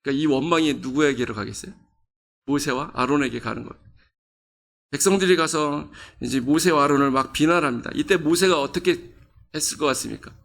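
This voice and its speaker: Gravelly-voiced male pastor preaching. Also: fairly high pitch, a little fast, a bit bright. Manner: conversational preaching with quiz questions to the congregation; acts out quoted voices with rising emphasis. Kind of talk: sermon.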